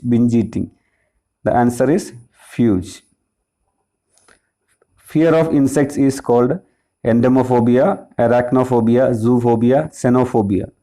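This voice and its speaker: A man, working through exam questions one by one as a tutor. His voice is mellow and of middling pitch. He reads each list of options in order, then explains the answer in plain terms. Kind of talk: reading and explaining quiz questions.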